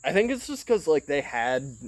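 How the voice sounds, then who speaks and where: A Michigan man hosting a podcast speaks a little high and very animated, at a moderate pace, with no echo on the audio. He rambles casually into his phone, cursing frequently and padding everything with "like" and "you know."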